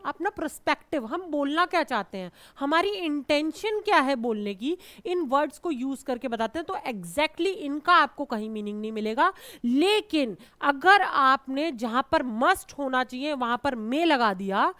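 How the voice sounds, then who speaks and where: Indian woman grammar teacher, high-pitched, patient explainer, dry recording. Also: fairly bright tone, dry recording. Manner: explains patiently, calls students "beta"; repeats and checks with "theek hai". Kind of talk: classroom grammar lesson.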